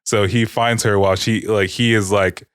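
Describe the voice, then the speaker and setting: Podcast co-host, male, lower register, loose and profane storytelling, dry booth. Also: fairly even intonation, moderate pace, smooth, no room sound. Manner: profane, rambling TV recap. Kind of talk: casual podcast chat.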